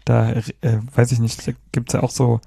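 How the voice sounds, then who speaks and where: Gravelly-voiced man musing hesitantly. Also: medium pitch, monotone, normal speed, mellow, dry recording, studio quality. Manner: hesitant, thinking aloud. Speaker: podcast co-host. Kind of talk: casual chat.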